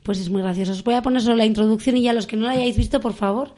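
A woman's voice: on the high side, very fast, mellow. A woman co-hosting a casual podcast, chatting and telling stories with amused asides. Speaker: podcast co-host. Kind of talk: casual chat.

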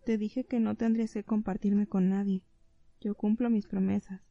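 A woman voicing a brooding, controlling male professor in an audiobook, speaking in a low, earnest way. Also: flat delivery, moderate pace, gravelly, no room sound, highs cut off, faint music behind, close to an everyday voice.

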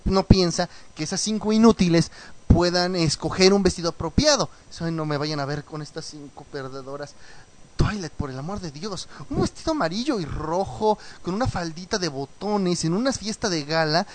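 Animated high-voiced male radio host. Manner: animated, theatrical, mocking asides. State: coughing. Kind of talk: casual commentary reading listener messages. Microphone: studio mic with headphones.

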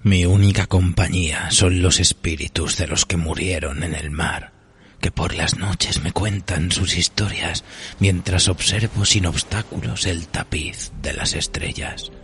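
A man's voice: low voice, steady tone, husky, heavily acted. A man voicing an ancient weary cursed sea treasure. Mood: brooding. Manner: slow, solemn, at times hushed to a whisper. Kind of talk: recited dark poem. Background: music.

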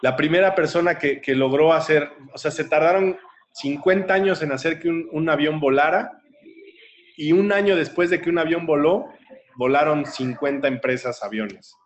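A man telling a motivational story, animated, with many fillers and restarts. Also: on the high side, normal speed, highs cut off, slight background noise. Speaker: motivational speaker.

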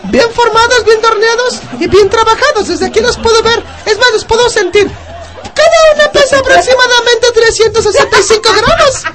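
A woman's voice: very high-pitched, a little fast, crowd noise. A woman voicing a flirtatious, boastful rug-seller man, rambling and stammering crudely in a comedy radio sketch. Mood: joking.

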